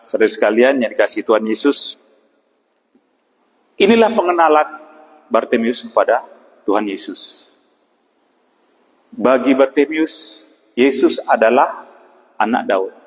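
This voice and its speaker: Man preaching an evening devotional, reverberant. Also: mid-range voice. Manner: unhurried, with frequent "ya" and pauses. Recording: long hall reverb.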